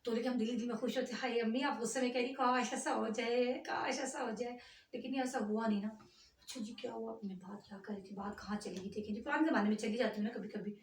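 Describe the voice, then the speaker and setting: An older woman from Punjab, telling a long rambling story in a chatty, animated vlog. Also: on the high side, rapid-fire, distant mic, a little hiss or hum. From Punjab, Pakistan. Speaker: vlogger. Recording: echoey room, voice from afar, faint ambience.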